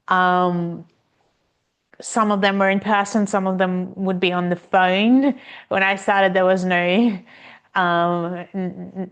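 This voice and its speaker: A woman speaks as a guest on a podcast, telling stories at a slow, deliberate pace. Her voice is smooth and clear, and she pauses often and restarts her sentences as she recalls things. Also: mid-range voice. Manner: unhurried storytelling, many pauses and restarts. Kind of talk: casual interview conversation.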